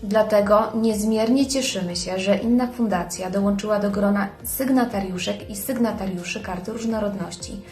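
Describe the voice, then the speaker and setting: A woman, a foundation president, giving a measured and earnest formal statement. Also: mid-range voice, a little mellow, faint music behind. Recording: echoey room.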